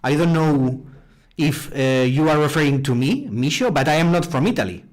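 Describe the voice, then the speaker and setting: A fairly high-pitched, expressive man from Spain speaks with a Spanish accent at a moderate pace. Working as an online robotics instructor, he runs a live programming class in a chatty style, frequently repeating words and reacting to the viewer chat.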